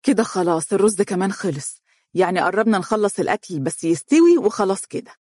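A woman's voice: medium pitch, animated, fast, no room sound, studio quality, pitched above the performer's own voice, natural voice. A man voicing a cheerful, eager young Egyptian woman. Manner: bright and eager.

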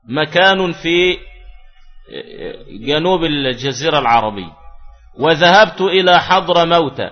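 A man teaching Arabic grammar in a classroom lesson, explaining step by step and answering his own questions. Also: on the high side. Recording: dull lo-fi recording with faint music.

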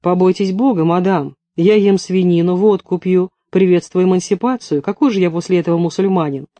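A man's voice: sits high, fairly quick, dark tone, no room sound, close to an everyday voice. A man reading an audiobook, voicing a playful, mock-courtly young man. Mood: ironic.

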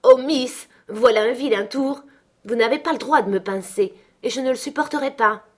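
A woman's voice: medium pitch, very animated, moderate pace. A woman reading aloud, voicing a dutiful but stubborn housekeeper who speaks firmly. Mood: indignant. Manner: firm and indignant.

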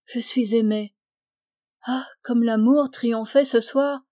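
Une femme lit les répliques d'une jeune femme taquine mais hésitante, d'une voix douce, dans un livre audio. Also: female voice, on the high side, steady tone, slow, mellow, dry recording, clean studio sound. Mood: wistful. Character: young woman, teasing yet hesitant. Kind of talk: audiobook dialogue reading.

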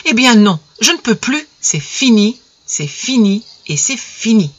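A woman playing a distraught young wife, husky. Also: mid-range voice, expressive, unhurried, a bit bright, highs cut off. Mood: anguished. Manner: pleading, then firm and grave.

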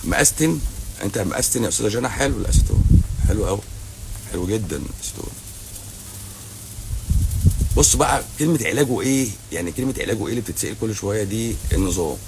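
A man's voice: fairly low pitch, animated, quick pace, vocal fry, pauses often, background noise. A middle-aged man with an Egyptian Arabic accent, a doctor answering viewer questions on a livestream in a blunt, teasing, sarcastic way. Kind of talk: casual livestream Q&A. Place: hotel lobby at night.

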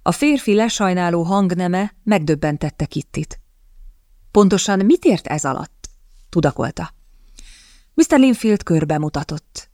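A woman reading a novel aloud as an audiobook narrator, in a measured, calm storytelling manner. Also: lowish voice, dry recording, clean studio sound. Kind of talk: scripted narration.

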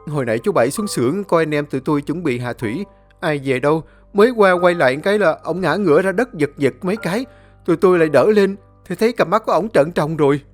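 A man voicing a boatyard worker who reports trouble in a rushed, breathless way. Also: fairly high pitch, expressive, faint music behind, pitched above the performer's own voice, natural voice. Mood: alarmed. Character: frantic male boatyard worker, rushed and loud.

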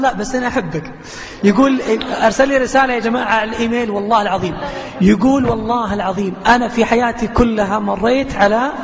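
A quick, high-voiced man preaches, animated and earnest. He sounds muffled, with a long reverb trailing through a big lecture hall. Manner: animated storyteller, earnest exhortation. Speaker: preacher answering questions. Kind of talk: lecture with audience Q&A.

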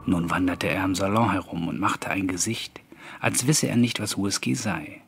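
A man reading a story aloud in calm, measured scripted narration. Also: low-pitched, vocal fry, slight background noise. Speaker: audiobook narrator.

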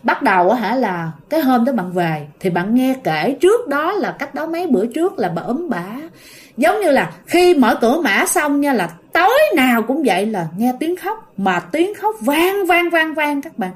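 A woman's voice: high voice, normal speed. Chatty woman telling ghost stories. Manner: chatty, addresses listeners directly, animated when telling scary parts. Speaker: ghost story storyteller. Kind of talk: casual spoken storytelling.

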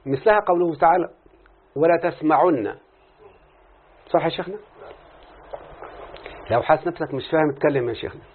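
A man's voice: fairly high pitch, brisk, long pauses, a little hiss or hum. A man with an Egyptian Arabic accent teaching Arabic grammar in a classroom lesson, explaining step by step and often quizzing his students. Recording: tinny lo-fi phone-like recording.

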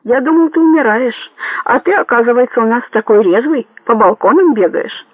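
Volatile thug boss, shouty and high-strung, read by a man, dry close sound. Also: lively intonation, normal speed, no echo, narrow, tinny audio. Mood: taunting. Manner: yelling, frantic, threatening. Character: angry shouting male gang leader, volatile.

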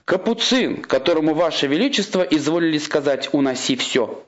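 A man's voice: on the high side, lively intonation, normal speed, pitched above the performer's own voice, lightly acted. A cunning storybook trickster in a monk's disguise, coaxing and coolly ironic, played by a male reader in a raised voice that drawls out key words. The recording sounds slightly muffled. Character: sly disguised monk, a cunning little grey man.

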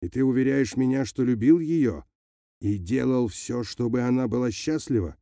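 A man voicing an older, domineering man who is furious with grief and shouts hoarsely. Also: mid-range voice, normal speed, no room sound, clean studio sound, pitched above the performer's own voice, lightly acted. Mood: accusing. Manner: shouting in rising fury.

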